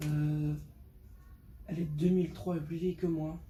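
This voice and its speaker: Speaking fairly quickly and flatly, a fifteen-year-old from Portugal vlogs about his motorbike in a mellow voice on the high side. He's slangy and doubles up words for emphasis in his unscripted talk. The audio quality is poor, and background noise is present despite the clear recording.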